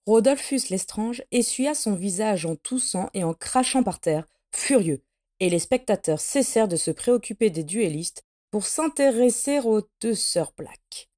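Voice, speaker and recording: A woman narrating a fantasy story in a steady, measured audiobook reading. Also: medium pitch. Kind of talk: audiobook narration of fan fiction.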